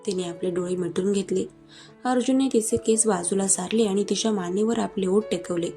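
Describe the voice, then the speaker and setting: A woman storyteller reads a romance aloud in a steady, expressive scripted narration. Her voice is warm and mellow, and soft music plays faintly underneath. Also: medium pitch, fairly quick.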